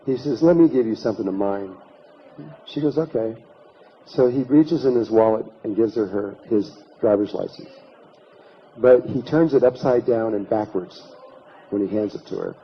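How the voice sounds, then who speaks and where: A man's voice: mid-range voice, slight background noise. A man lecturing at a conference, telling a long anecdote in a rambling way and acting out the quoted lines. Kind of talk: storytelling lecture. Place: conference hall. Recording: dull lo-fi conference recording.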